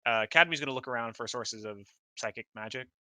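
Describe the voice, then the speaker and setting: A man playing a tabletop game, slowly describing his character's actions with playful asides. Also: mid-range voice, pushed and bright, dry recording. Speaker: player.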